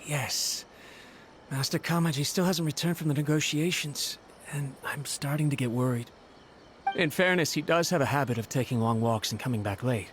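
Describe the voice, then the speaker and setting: A man's voice: mid-range voice, normal speed, slight background noise, close to an everyday voice. A man playing an anxious young clan retainer in a video game, hesitant, stammering and apologetic in manner. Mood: flustered, nervous. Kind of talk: dramatic video game voice acting.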